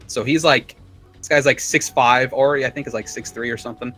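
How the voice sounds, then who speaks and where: A man's voice: mid-range voice, steady tone, fairly quick, bright, forceful tone. A man narrating a tabletop game as game master, describing scenes casually with many fillers, with music underneath.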